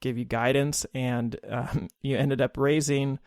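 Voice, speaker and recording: A man's voice: medium pitch, level tone, a little slow, darkish tone, clean tone, dry recording, studio quality. A man hosting an interview in a conversational way, reading figures from his notes as he asks questions. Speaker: podcast host. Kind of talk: casual interview.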